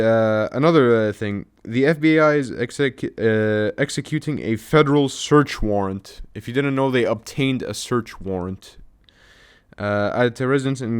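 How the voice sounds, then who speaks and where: Reading through a news article, a man with a clear, resonant, medium-pitched voice offers casual, mocking commentary for his YouTube audience. He rambles, restarts often, and leans on lots of fillers.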